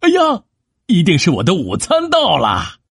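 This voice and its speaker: A woman voicing a menacing, hungry male bridge troll in a storybook reading, with a gravelly, husky voice. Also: wildly swooping pitch, moderate pace, no room sound, studio quality, exaggerated voice. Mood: gloating. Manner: booming, gloating, swooping pitch.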